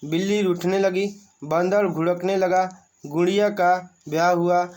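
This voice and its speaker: Male teacher, unhurried and slightly high voice, reads a text and explains it plainly. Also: fairly even intonation, a little mellow. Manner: reads a passage aloud, then explains it in plain words. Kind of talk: reading and explaining a school lesson.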